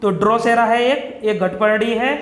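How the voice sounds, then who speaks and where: A man's voice: sits high, normal speed. A man teaching exam-prep science to viewers, often checking in and asking then answering his own questions. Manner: repeats "ठीक है दोस्तों" often, asks and answers own questions. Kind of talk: explaining quiz questions to viewers. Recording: echoey room with long reverb.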